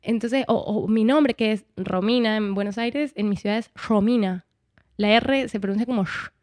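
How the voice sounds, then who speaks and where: A woman's voice: fairly high pitch, moderate pace, a little mellow, no room sound, clean studio sound. A woman from Argentina, an actress, talking casually in a conversation and often tagging her thoughts with "¿no?". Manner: chatty, frequent "¿no?", switches accents. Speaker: actress, guest.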